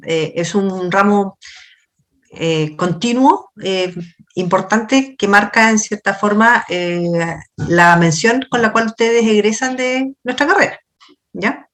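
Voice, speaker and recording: A woman's voice: mid-range voice, a bit bright. Chilean woman lecturing over a video call. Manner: chatty, questions the students, halting explanations. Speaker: university lecturer. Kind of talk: online class lecture.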